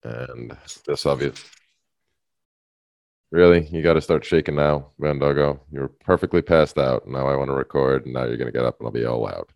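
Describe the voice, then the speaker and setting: Very deep-voiced man, casual podcast rambling. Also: moderate pace, vocal fry, a little mellow, dry recording, dull audio. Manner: rambling, self-interrupting, laughs often. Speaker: podcast co-host. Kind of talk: casual chat.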